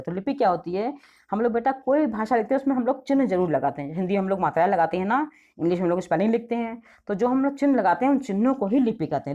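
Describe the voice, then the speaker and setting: A middle-aged woman teaching young schoolchildren, talking briskly in a soft, mellow voice. She is patient, calls her pupils "beta" like a fond teacher, and goes over each point again and again. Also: medium pitch. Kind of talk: explaining grammar to schoolchildren.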